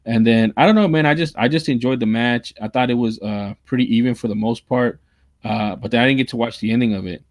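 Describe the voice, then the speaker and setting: A man talks casually about a wrestling match, circling back and restarting his sentences and dropping in "man" and "dude." His voice sits at a normal pitch for a man. The recording is dry and close to the mic. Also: fast talker, no echo. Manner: rambling, many restarts and fillers like "man" and "dude". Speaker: podcast co-host.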